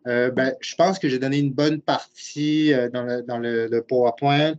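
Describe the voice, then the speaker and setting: At a normal speed, in a steady, mid-range voice that is a little mellow, a late-forties man speaks with a Québécois French accent. This university professor and program director earnestly explains his views in response to webinar questions, reasoning aloud, over muffled, lo-fi web call audio.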